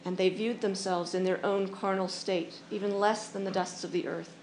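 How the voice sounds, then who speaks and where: A woman's voice: mid-range voice, steady tone, normal speed, a little mellow. A woman reciting scripture as narration. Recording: echoey room with faint noise.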